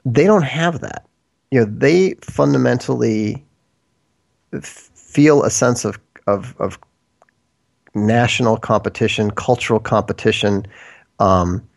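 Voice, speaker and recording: A man's voice: medium pitch, expressive, unhurried, vocal fry, pauses often. A man from Minnesota, a guest in a casual, rambling discussion. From United States, Minnesota. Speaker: interview guest.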